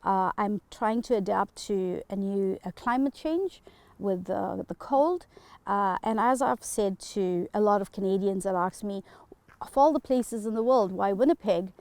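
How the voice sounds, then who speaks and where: A South African woman speaking earnestly as an interview guest, pausing often with fillers. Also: mid-range voice, darkish tone, no echo. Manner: earnest, halting with many fillers. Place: home.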